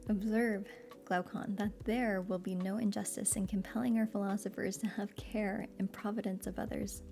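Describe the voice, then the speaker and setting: A woman reading as a calm old philosopher. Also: mid-range voice, normal speed, gravelly, faint music behind, lightly acted. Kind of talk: soft reading for sleep.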